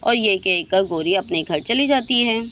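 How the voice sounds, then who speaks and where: A woman's voice: medium pitch, lively intonation, measured pace, fairly bright tone. A woman narrating a bedtime moral story acted out with dolls, step by step.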